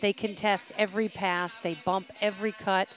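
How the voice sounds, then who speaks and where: A woman's voice: mid-range voice, flat delivery, normal speed. A woman in her forties, a basketball analyst, giving emphatic commentary from a courtside desk into a headset mic. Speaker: studio analyst. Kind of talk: sports analysis.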